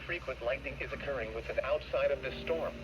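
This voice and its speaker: Heard through a dull, hissy radio receiver, an automated weather broadcast is delivered by a computer-generated male announcer. His mid-range voice is even and synthetic, pacing each word out in a flat, measured way.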